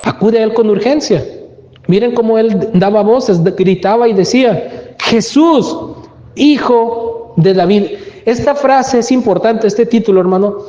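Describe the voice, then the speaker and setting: A man's voice: sits high, moderate pace, warm tone, roomy sound, in a large hall, dull audio. A man preaching a sermon as pastor, emphatic and full of rhetorical questions. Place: church.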